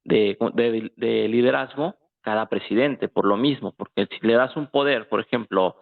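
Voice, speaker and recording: Speaking as a guest over a thin, tinny, phone-like line, a man with a Mexican accent chats casually about politics at a normal speed. His medium-pitched voice carries a gravelly fry, and he often gropes for his next word.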